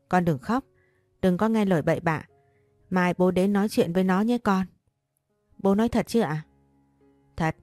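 A woman's voice: fairly low pitch, darkish tone, no room sound, close to an everyday voice. Woman reading as a doting, coaxing father. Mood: indignant. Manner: coaxing, then scolding. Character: doting, flustered father of a young girl.

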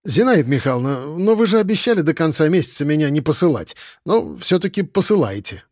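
A man's voice: fairly high pitch, very animated, fairly quick, a little mellow, no echo, clean studio sound. A man reading an audiobook voices a whiny young male office clerk who pleads to get out of a work trip. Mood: pleading. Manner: whining, pleading.

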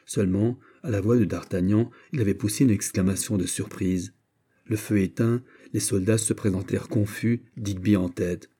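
A man narrating an audiobook in a measured, even storytelling manner. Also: lowish voice, breathy edge. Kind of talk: scripted narration.

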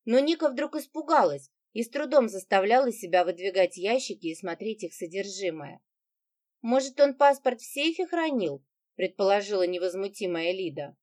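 Female audiobook narrator, middle pitch, animates the dialogue. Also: moderate pace. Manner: reads dialogue with lively shifts in pitch.

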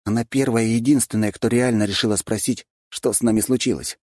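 A man's voice: medium pitch, steady tone, a little fast, a little mellow, no room sound, studio quality, pitched above the performer's own voice, natural voice. A man voicing an earnest, loyal young friend in an audiobook. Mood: indignant.

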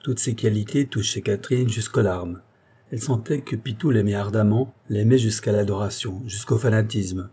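A man reading a classic novel aloud as an audiobook narrator, steady and expressive. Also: lowish voice, normal speed, slightly rough.

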